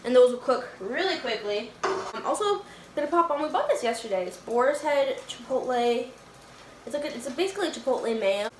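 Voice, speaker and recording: A young woman talking casually and informally to her vlog viewers, often softening things with filler words like "like" and "kind of". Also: fairly high pitch. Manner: chatty, informal, hedging with "like" and "kind of". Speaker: fitness vlogger. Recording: roomy echo, faint background noise.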